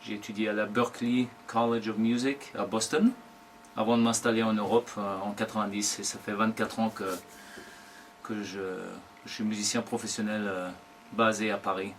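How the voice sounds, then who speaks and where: A man in his forties with a fairly low voice answers interview questions about his life as a drummer. He talks in an unhurried, thoughtful way, pausing between short phrases. A faint hum sits under the recording. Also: flat delivery. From Germany.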